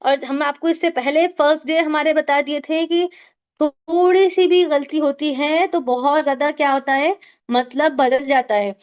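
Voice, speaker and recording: High-voiced woman teaching by video call. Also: fairly even intonation, unhurried. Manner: explanatory, asks students questions. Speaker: tajweed teacher. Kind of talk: online class teaching.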